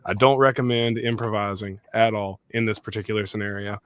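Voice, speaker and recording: A Texan man chats on a livestream, slangy and excitable. His voice is deepened after a recent illness. The sound is dry and close to a studio mic. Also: fairly quick, clear, resonant tone, no room sound. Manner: excitable, slangy, greets chat loudly. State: deep voice after being sick. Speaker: host. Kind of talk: casual livestream chat. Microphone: studio mic with audio interface.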